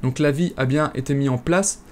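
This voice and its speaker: A man's voice: medium pitch, normal speed, darkish tone. Chatty man hosting a screen-share tutorial. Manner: chatty, many "euh" fillers, addresses viewers directly. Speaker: e-commerce tutorial host.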